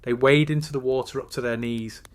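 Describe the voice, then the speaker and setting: A male narrator reads a guided bedtime story at a medium pitch. His delivery is slow, soothing and measured. He sets phrases apart with unhurried pauses. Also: steady tone, smooth.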